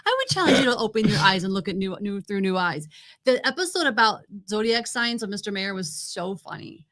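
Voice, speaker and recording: A woman with a mid-range, slightly bright voice talks briskly and with lots of animation. She co-hosts a TV review show, chatting casually and unscripted while presenting a ranked list in an opinionated, emphatic way.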